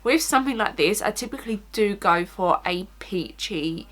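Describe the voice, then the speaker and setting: A woman's voice: medium pitch, expressive, normal speed, fairly bright tone. A woman with an Essex accent talking informally through a casual makeup tutorial as a beauty vlogger, often saying "like". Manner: informal, chatty, frequent "like".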